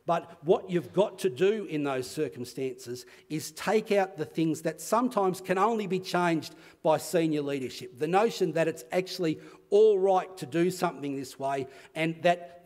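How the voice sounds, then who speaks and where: A man's voice: fairly high pitch, a little mellow, big-room sound. An Australian man speaking at a conference, earnest and a little self-deprecating, often restarting his phrases. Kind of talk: conference talk. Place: conference venue.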